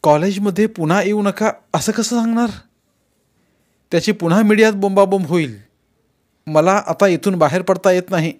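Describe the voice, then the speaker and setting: A man's voice: high-pitched, moderate pace, pauses often, pitched above the performer's own voice, close to an everyday voice. A man reading a story aloud, voicing a harried college principal who pleads he cannot leave his post. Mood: exasperated. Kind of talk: audiobook character reading.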